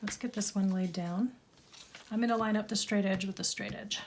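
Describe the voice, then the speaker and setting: A middle-aged woman, a little croaky, chatting casually and rambling as she crafts in her home studio, laughing at herself often. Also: medium pitch, steady tone, normal speed, a little hiss or hum. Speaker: craft channel host. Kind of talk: casual chat while crafting.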